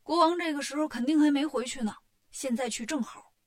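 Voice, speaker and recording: A woman's voice: sits high, brisk, natural voice. A woman doing a chatty inn steward.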